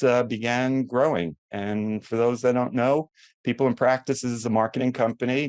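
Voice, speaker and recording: In a dry recording, a man's mid-range voice carries a New York accent. He's a seventysomething orthodontist appearing as a podcast guest, talking in a chatty, somewhat rambling way with self-deprecating jokes.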